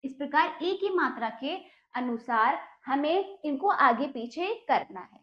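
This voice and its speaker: A woman teaching a primary school language lesson, patiently asking questions and slowly repeating the answers. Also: sits high, animated. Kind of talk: classroom lesson explaining exercises. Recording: echoey room, dull lo-fi sound.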